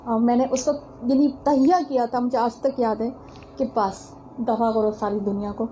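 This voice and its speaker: High-voiced, earnest woman preacher. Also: fairly even intonation, mellow, slight background noise, poor audio. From Pakistan. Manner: earnest, storytelling, addresses listeners directly. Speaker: religious teacher. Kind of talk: religious lecture with personal anecdote.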